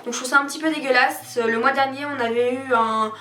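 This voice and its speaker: A woman's voice: high-pitched, steady tone, a little fast, a bit bright. A woman chatting casually to viewers as a beauty vlogger reviewing products, candid and opinionated in colloquial wording. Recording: roomy echo, distant mic, faint music behind.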